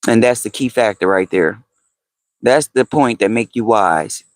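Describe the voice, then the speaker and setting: A man's voice: lowish voice, unhurried, no room sound. A man hosting a casual livestream, chatting with viewers, answering their comments, repeating phrases and laughing often. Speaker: livestream host.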